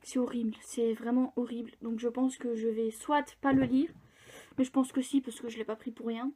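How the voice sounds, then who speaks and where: Young woman rambling thru her book haul, high voice, kinda mellow and soft. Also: steady tone, normal speed, slightly rough. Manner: chatty, rambling with fillers and restarts. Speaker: book vlogger. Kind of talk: casual chat.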